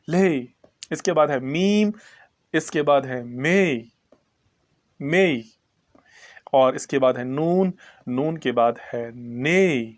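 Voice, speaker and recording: A man teaching a language lesson, carefully repeating each letter sound and spelling it out letter by letter. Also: on the high side. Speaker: Urdu teacher.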